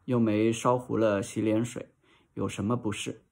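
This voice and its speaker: A man voicing a sharp-tongued young maid in a storybook reading, talking back in an aggrieved, protesting way. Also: on the low side, little pitch movement, normal speed, creaky.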